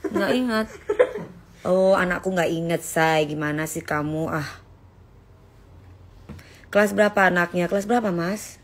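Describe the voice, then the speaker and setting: A woman hosting a casual livestream on her phone, chatting with viewers and lecturing her son in a warm, teacherly way. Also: on the low side, a little slow, long pauses. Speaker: livestream host reading viewer comments. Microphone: phone held for a livestream.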